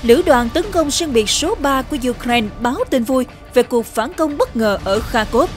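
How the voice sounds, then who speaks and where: A woman presenting scripted news in a formal, measured newsreader delivery. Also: medium pitch, dry recording.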